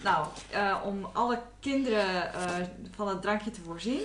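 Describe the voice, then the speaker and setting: A woman's voice: medium pitch, lively intonation, fairly bright tone, slight background noise. Co-host, female, casual book talk, hesitant, roomy echo on the recording. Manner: halting, many fillers. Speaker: podcast co-host.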